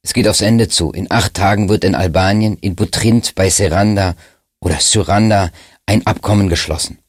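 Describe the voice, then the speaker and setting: A man voicing a tense male undercover informant who talks in a hurried, urgent, clipped way, in an audiobook reading. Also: low voice, steady tone, no echo, clean studio sound.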